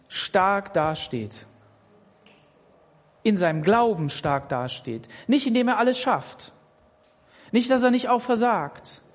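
An emphatic preacher delivers a sermon, addressing each listener personally and repeating words to press a point. The voice rings out with a long reverb from a large church hall. The pitch sits in a middle range.

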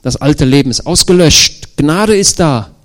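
A man's voice: on the high side, lively intonation, a little slow. A man preaching a sermon, asking the congregation rhetorical questions and drawing out the phrases he stresses.

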